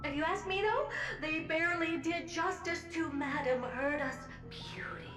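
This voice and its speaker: A woman's voice: very high-pitched, a little slow. An actress voicing a playful, theatrical female storyteller in a video game, gushing and teasing. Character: playful fawning female host of a tale, theatrical. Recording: roomy echo, distant, with game music.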